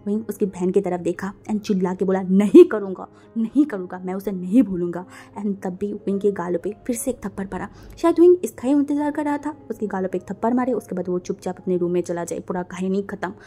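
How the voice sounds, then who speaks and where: A woman's voice: medium pitch, fast talker, few pauses, soft background music. A woman narrating a fan fiction story, acting out the quarrels with strong emotion. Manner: emotional, voices quarrels loudly.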